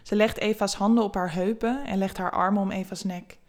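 Narrating an erotic tale, a woman keeps her medium-pitched voice soft and intimate, as if right beside the listener. She never rushes, reading evenly and gently from start to finish.

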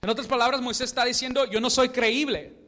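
A man with a high voice delivers a sermon in a loose, conversational storytelling style, now and then pausing to hunt for the right word. His voice carries a long reverb tail, as if from a large hall. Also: fairly even intonation, pushed and bright. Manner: conversational storytelling preaching, searching aloud for words. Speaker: preacher.

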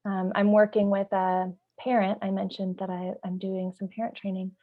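A woman of middle pitch talks through ideas in a podcast discussion, pausing to search for words before building into a lively story. The recording sounds a little dull and lo-fi. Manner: thoughtful, searching for words, vivid when storytelling. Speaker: parent trainer.

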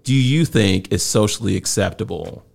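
A man's voice: lowish voice, moderate pace, vocal fry, a little mellow, soft background music. A man hosting a casual chat in a probing, reflective manner. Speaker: podcast host.

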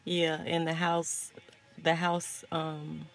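A woman's voice: sits low, takes it slowly. A woman hosting a podcast, chatting casually and animatedly, with features in her speech. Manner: animated, bursts into loud laughter. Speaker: podcast host. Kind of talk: casual chat.

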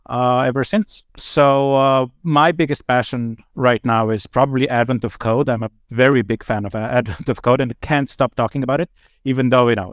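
Slovenian-born guy on a podcast, smooth voice, kinda muffled dry recording. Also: medium pitch, no room sound. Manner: relaxed, with fillers and self-corrections. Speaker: guest, software engineering director. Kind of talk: casual podcast chat.

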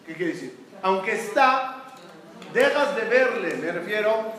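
High-voiced rabbi in an echoey room. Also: male voice, animated, unhurried, fairly bright tone. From Israel. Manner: asks the listeners rhetorical questions, then answers them. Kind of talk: Torah talk to an audience. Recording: echoey room, distant mic, faint noise.

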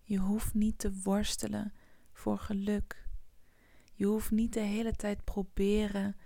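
A woman guides a morning meditation in a soft, whispery voice. She speaks very slowly, her tone dark and mellow with a heavy gravelly fry. The sound is close and dry. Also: medium pitch, dry recording. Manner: soft whispery, slow, soothing. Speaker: podcast host guiding a morning meditation.

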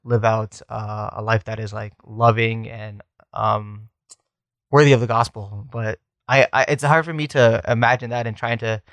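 A man's voice: fairly low pitch, steady tone, normal speed, fairly bright tone, no room sound. A man from Canada who works as a nurse, co-hosting a casual chat, hesitant with many fillers. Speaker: nurse, podcast co-host.

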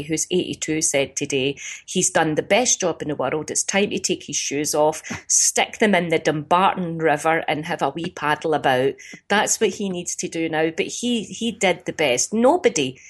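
A middle-aged woman from Scotland with a Glaswegian accent, talking as a comedian guest in a phone interview, animated and storytelling. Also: low-pitched, moderate pace. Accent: Glaswegian Scottish. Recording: phone line.

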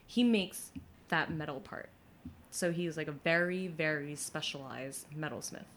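A woman's voice: sits low, a little slow, a bit bright. A young woman from Brooklyn, a guest in an interview, telling her story in a chatty way with many fillers and restarts. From Brooklyn, New York.

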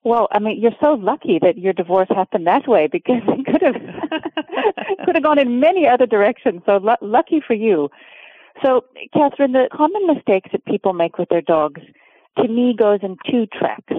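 A woman's voice: fairly high pitch, expressive, normal speed, breathy edge, no echo. A middle-aged woman from Oregon talks earnestly over a thin, phone-like line, explaining her work with repeated restarts. The sound is dry and boxy. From Oregon, USA. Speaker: guest, pet custody mediator. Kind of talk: conversational interview answers. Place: home in Cape Town, remote call.

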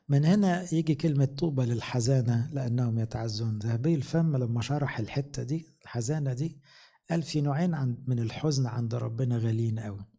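A middle-aged man with an Egyptian Arabic accent, a priest giving a conversational sermon and slowing down to read scripture. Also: medium pitch, gravelly, warm tone. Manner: conversational preaching with slow scripture readings.

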